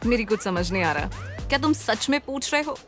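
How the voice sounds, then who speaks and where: A woman voicing a sharp-tongued teenage girl who mocks and scolds. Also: a little high, animated, a little fast, music in the background, close to an everyday voice. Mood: mocking. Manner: mocking, scolding. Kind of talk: dubbed drama.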